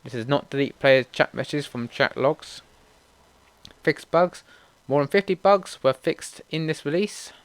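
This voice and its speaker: A young man reads a list of game update notes aloud, steady and matter-of-fact, with relaxed asides in between. His voice is smooth and clear, and the recording is dry and close with no room sound. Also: on the high side, a little slow, no room sound. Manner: steady read-through with casual asides. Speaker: gaming channel host. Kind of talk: reading out patch notes.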